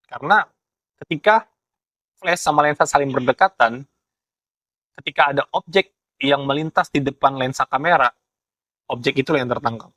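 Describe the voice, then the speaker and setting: This young ghost photographer, speaking with a Jakarta Indonesian accent, chats in an interview with a medium-pitched, bright, forceful voice. He walks through each step, hesitating while he looks for the right term. It's recorded dry and close, with no echo from the room.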